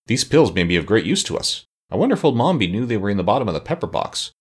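A man voicing an earnest, sharp-witted young boy in a storybook reading. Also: on the low side, very animated, quick pace, slightly rough.

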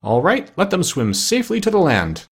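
A man's voice: a little high, huge pitch swings, normal speed, slightly rough, voice pushed up, heavily acted. A man doing a firm, kindly old-fashioned doctor. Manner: gentle but stern. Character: kindly, firm middle-aged male doctor.

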